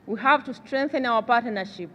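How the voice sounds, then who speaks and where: Rwandan woman doing a formal podium speech, highish voice, big echoey conference hall. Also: moderate pace, bright, forceful tone, muffled recording. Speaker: government official, delegate speaker. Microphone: podium gooseneck microphone. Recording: reverberant large hall, background noise.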